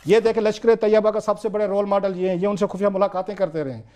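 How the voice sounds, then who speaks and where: A man with a Pakistani accent speaks as a political commentator on a televised talk show. His voice sits high for a man. He argues with urgency and drives his points home by repeating them. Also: fairly even intonation, fast, dark tone. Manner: urgent, emphatic, repetitive argument.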